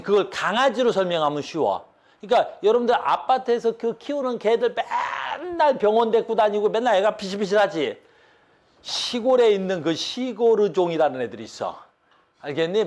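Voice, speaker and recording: A middle-aged man teaching biology to a high school class. His voice sits slightly high and swings widely up and down as he explains. He keeps stopping to quiz the room. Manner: lively, keeps checking in with questions to the students. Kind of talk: classroom lecture.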